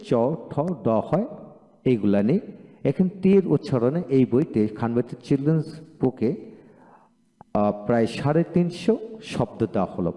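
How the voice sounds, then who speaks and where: A man gives a pronunciation lesson, saying every drill word twice in a slow, deliberate rhythm and then explaining his method to viewers in an earnest, encouraging way. His voice is mellow and dark. A long echoing reverb trails behind each word. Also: mid-range voice. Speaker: pronunciation teacher. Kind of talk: spoken English pronunciation lesson.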